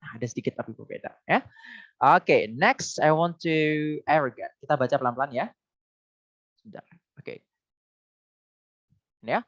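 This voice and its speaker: A woman's voice: very deep voice, expressive, normal speed, pauses often, dry recording, lo-fi sound. A woman with an Indonesian accent teaching an online English lesson, patient and encouraging, switching between Indonesian and English. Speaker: English coach.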